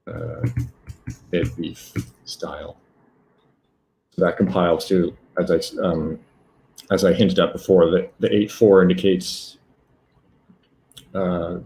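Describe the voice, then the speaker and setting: A man presenting a live technical demo, talking haltingly with many fillers and self-corrections. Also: low-pitched, darkish tone, a little hiss or hum, rough recording.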